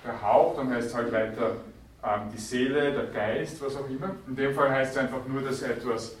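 A man's voice: mid-range voice, steady tone, moderate pace, recorded from a distance. Man lecturing in an echoey hall. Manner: explanatory, with frequent fillers and self-corrections. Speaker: university lecturer. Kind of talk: university lecture.

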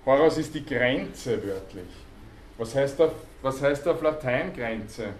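A man's voice: medium pitch, slow. A man giving a university lecture, explaining terms and quizzing students, with many hesitation sounds. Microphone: student recording from the audience. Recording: echoey hall, faint background noise.

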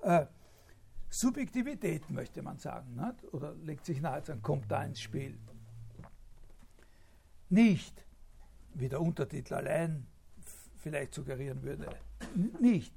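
A man lecturing off the cuff in a slightly raised, gravelly voice. He hesitates constantly, fills gaps with drawn-out filler sounds and checks in with short tag questions. He rephrases himself mid-sentence as he works his ideas out. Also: a little high, expressive, dark tone, a little hiss or hum. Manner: thinks aloud, rephrasing and restarting. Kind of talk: spontaneous academic lecture.

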